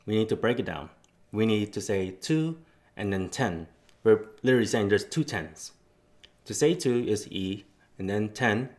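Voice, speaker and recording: A man gives a casual language lesson in a fairly low voice. He walks through each step plainly and easygoing, with relaxed fillers between points. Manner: explains step by step, loose fillers. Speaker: language teacher.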